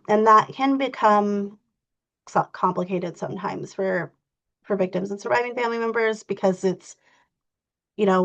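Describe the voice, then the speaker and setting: A congested woman with a low, gravelly voice leads an online training session, explaining things in a loose, informal way full of "you know"s. The sound is dull and lo-fi, like video call audio. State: stuffy, congested. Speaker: victim advocacy trainer.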